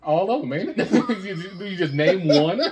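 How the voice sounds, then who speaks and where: Young male podcast co-host, informal and sweary, with highly varied pitch. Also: expressive, normal speed, darkish tone. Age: young adult. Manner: informal, slangy, profane. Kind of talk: casual banter, trivia quiz. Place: small indoor room at a table. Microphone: shared podcast microphone on table.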